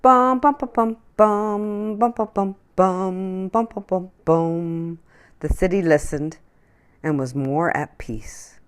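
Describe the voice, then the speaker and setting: Slowly and in a mid-range voice, a woman brings a children's picture book to life with expressive storytelling.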